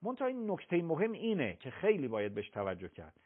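Animated male religious scholar, phone-thin sound. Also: a little high. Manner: methodical, emphatic teaching with examples. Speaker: religious scholar answering questions. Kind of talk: explaining religious rulings on a live call-in show. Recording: tinny phone-like broadcast sound.

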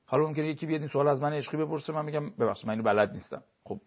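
A man giving marriage advice as a religious expert on a TV program, lecturing emphatically and asking many rhetorical questions. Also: a little high. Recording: dull lo-fi broadcast sound.

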